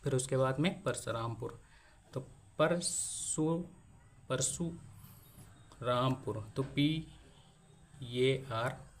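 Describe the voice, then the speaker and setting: A man teaching how to spell names in English, explaining step by step as he writes, with pauses while he works. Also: mid-range voice, gravelly, a little hiss or hum. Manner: slow, explaining step by step while writing on a board. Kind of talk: spoken lesson on spelling Hindi names in English.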